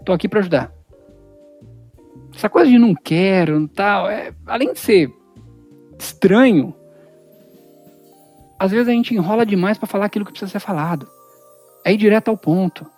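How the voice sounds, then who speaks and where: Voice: mid-range voice, animated, moderate pace, long pauses, a little mellow, faint music behind. A communication instructor giving an informal lecture. The speaker talks in a casual, slangy way and acts out everyday examples in changed voices.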